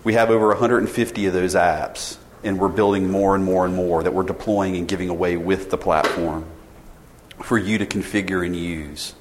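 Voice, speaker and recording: A sales director in his forties speaks at a moderate pace in a low, steady voice while giving an informal conference presentation. He quizzes the audience with questions and restarts his sentences frequently. Recorded on a tethered mic in a reverberant session room, the clip carries faint ambience and slight background noise.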